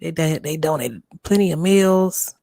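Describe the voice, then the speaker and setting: A woman's voice: low-pitched, moderate pace, creaky, warm tone, no echo. A woman hosting a gossip reaction channel, reading aloud and commenting casually.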